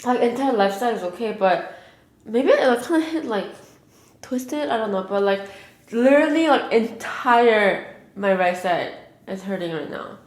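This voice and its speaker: A young woman telling a story in casual chat while she eats on camera, rambling and filling every pause with 'like'. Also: on the high side, expressive. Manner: rambling, heavy use of 'like'. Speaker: mukbang vlogger. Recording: echoey room.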